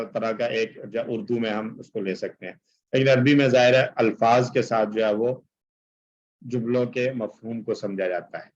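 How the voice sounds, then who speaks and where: A man's voice: medium pitch, highs cut off. A male teacher giving an explanatory lecture, reciting Arabic verses and translating them, with many filler phrases.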